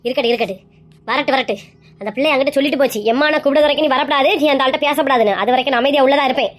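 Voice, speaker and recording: A woman's voice: sits high, rapid-fire, close to an everyday voice. A woman playing a fiery, scolding mother in a comedy skit. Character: fiery angry mother, wronged wife.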